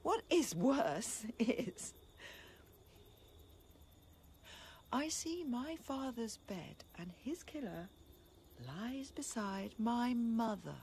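An actress playing a bitter, grieving young princess in a classical stage tragedy, impassioned, with sharp outbursts among low laments. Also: female voice, lively intonation, slow pace, husky, exaggerated voice. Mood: bitter grief.

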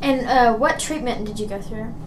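A woman's voice: fairly high pitch, normal speed, background noise. A woman co-hosting a radio interview show, asking questions and giving short affirmations. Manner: friendly, many short affirmations. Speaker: co-host.

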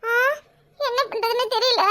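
A woman's voice: very high-pitched, flat delivery, unhurried, sharp tone, exaggerated voice. A woman voicing a scared little schoolboy who skipped school, pleading and fretful, with a Kanyakumari Tamil accent. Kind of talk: cartoon voice acting.

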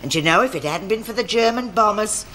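An actress plays a fussy middle-aged mum in a 1970s sitcom who soothes and shushes the household. Her pitch rises and falls a lot. A clear hiss runs under the old TV recording. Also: lively intonation, fast talker, natural voice. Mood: fussing. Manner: fussy and placating.

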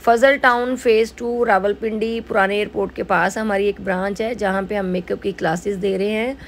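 A woman's voice: medium pitch, fairly even intonation, normal speed. A middle-aged woman with a Pakistani Urdu accent talks through a makeup tutorial as a salon owner. Her speech is chatty and loose, full of filler phrases and small restarts. Faint room noise sits under her mid-range voice. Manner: chatty, repeats "jo hai woh" fillers. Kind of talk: casual makeup tutorial narration.

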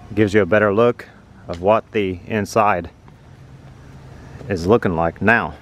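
A man narrating a walking tour outdoors on a city sidewalk, explaining things slowly and plainly as he films with a handheld phone. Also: on the low side, steady tone, slight background noise. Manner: slow, plain, informative. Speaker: vlogger touring a building. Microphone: handheld phone camera.

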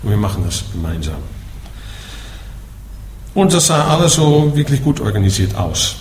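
A Dutch man with a mid-range, sing-song voice gives a dharma talk in German to a group, teaching Buddhism at a moderate pace. He explains patiently, tacking a "ja?" onto nearly every point. The room is echoey, with faint background noise.

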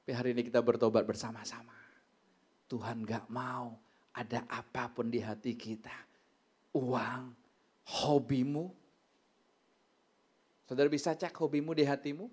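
A middle-aged male pastor delivering a sermon with plenty of storytelling. His voice leaps up into loud, high exclamations and then drops to hushed, low remarks, keeping the congregation engaged. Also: steady tone, normal speed, long pauses, slightly rough.

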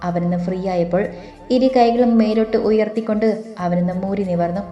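Mellow-voiced woman reading a story. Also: mid-range voice, fairly quick, lo-fi sound. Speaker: narrator. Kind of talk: reading a romance story aloud. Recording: echoey room with faint music.

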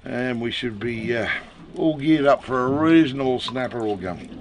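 A middle-aged fishing host on a small boat at sea explains a fishing rig step by step in instructional commentary. His voice is medium-pitched and moderately paced, picked up by a camera mic amid outdoor wind and boat noise.

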